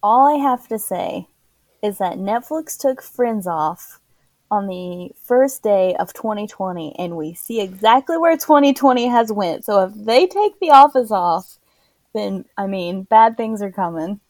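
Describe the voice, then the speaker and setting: A woman's voice: medium pitch, animated, measured pace, darkish tone, no room sound. Woman chatting casually inside a dry closet. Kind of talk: casual podcast chat.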